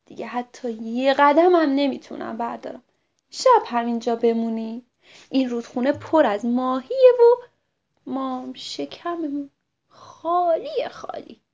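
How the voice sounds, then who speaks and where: A woman voicing a greedy, complaining grown man on a long walk, whining and at times shouting, on a muffled recording. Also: high-pitched. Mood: grumbling. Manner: whiny and grumbling, sometimes shouting.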